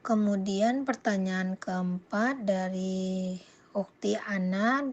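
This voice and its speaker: A woman giving an informal Islamic parenting talk and answering viewer questions. She hesitates often, with many fillers and self-corrections, and grows animated when voicing examples. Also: mid-range voice, slow, lo-fi sound.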